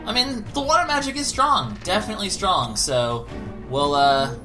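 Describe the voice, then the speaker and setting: Animated man commentating over game music. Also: sits high, moderate pace. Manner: rambling, analytical. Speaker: let's play host. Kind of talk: casual gameplay commentary.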